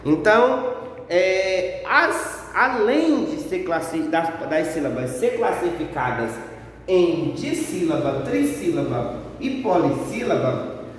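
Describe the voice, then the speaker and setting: A high-voiced Brazilian male teacher leads a grammar review, drawing out each syllable of his example words slowly. He sounds set back from the mic, in a very echoey room with a long reverb tail. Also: sing-song, recorded from a distance, slight background noise. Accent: Brazilian Portuguese. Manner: slow, drawn-out syllables for examples; asks and answers a pupil's question himself. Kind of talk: recorded grammar review lesson.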